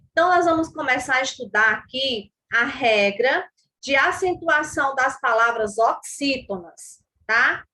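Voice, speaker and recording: A Brazilian woman teaching a recorded school lesson, speaking slowly and deliberately and often checking with the class. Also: high voice, bright, forceful tone. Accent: Brazilian Portuguese. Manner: slow, deliberate, checks understanding with "tá?".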